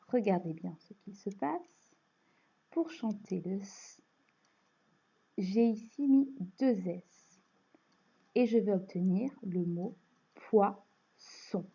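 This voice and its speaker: A woman with a French accent teaching a phonics lesson to young children, explaining slowly and patiently. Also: medium pitch, gravelly, dark tone, breathy edge. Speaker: primary school teacher. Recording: dull lo-fi recording.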